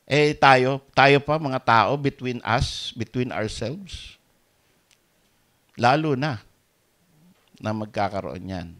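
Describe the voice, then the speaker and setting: A man with a Filipino accent preaching a sermon as pastor, mixing Tagalog and English, dropping to soft asides and rising to loud emphatic peaks. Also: mid-range voice, takes it slowly, long pauses.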